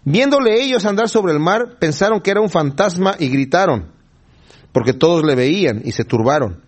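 A man's voice: a little high, expressive, moderate pace. A man preaching a sermon, reading Bible verses and explaining them in a conversational way, often checking in with his listeners. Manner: conversational, often asks the listeners "¿verdad?", chuckles while explaining.

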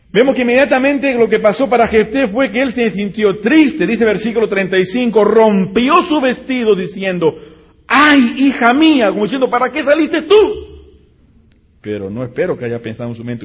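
A man's voice: sits high, fairly quick, husky. A man preaching a sermon in a church, retelling scripture with dramatic voices and speaking directly to the congregation. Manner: animated, dramatic voicing of scripture characters, direct asides to the congregation. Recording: dull lo-fi recording with long hall reverb.

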